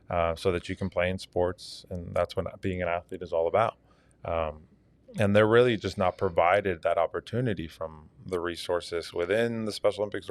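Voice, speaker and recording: A man's voice: low voice, clean tone, dry recording. A man from Argentina, a fitness coach, talking earnestly as a podcast guest with many fillers. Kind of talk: casual interview talk.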